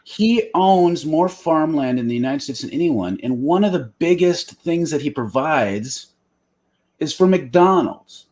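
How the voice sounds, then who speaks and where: A man co-hosts a podcast in relaxed conversation, with a lively voice that rises and falls a lot. He talks bluntly and does not shy away from the odd curse word. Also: fairly high pitch, a little slow. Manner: animated and blunt, with occasional swearing. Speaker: podcast co-host. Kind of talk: casual discussion.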